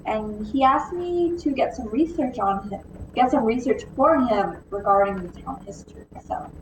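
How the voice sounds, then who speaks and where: A chatty woman speaks casually in character during a murder mystery game, her voice higher than most. She sits far from the mic, so the sound is echoey and dull. Her asides trail off softly. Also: noisy background.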